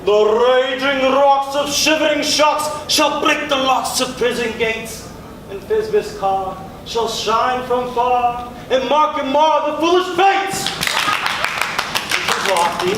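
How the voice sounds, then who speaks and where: A man's voice: very high-pitched, slow pace, heavily acted. A man performing a vain, overeager weaver who fancies himself an actor, declaiming pompously in a Shakespearean stage comedy. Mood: grandly declaiming. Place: indoor theatre stage, recorded from afar. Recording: echoey stage hall, distant mic, loud noise.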